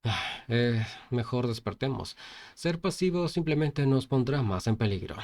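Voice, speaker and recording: A man's voice: mid-range voice, expressive, measured pace, a little mellow. A man voicing a young male hero, a former soldier, who speaks firmly and urgently. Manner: urgent, scolding, firm.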